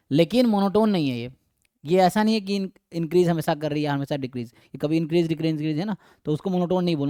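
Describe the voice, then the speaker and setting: Teaching math live online, a man with an Indian accent explains each step and poses questions to his students. His voice sits high yet has a dark tone, coming through smooth and clear in a dry, close recording without room echo.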